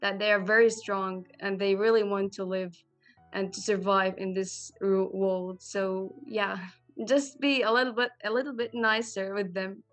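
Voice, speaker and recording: Young woman, halting and earnest. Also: mid-range voice, little pitch movement, no echo, soft background music. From Syria. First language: Arabic. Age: 20s. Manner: halting, earnest, frequent pauses and restarts. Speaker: translation student sharing her story. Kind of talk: personal testimony to camera.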